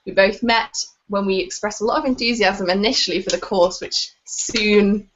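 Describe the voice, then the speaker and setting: A woman's voice: mid-range voice, fairly even intonation, normal speed, fairly bright tone. Young woman student chatting upbeat on a stream, medium voice, muffled audio. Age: young adult. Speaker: co-host and student. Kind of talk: casual chat.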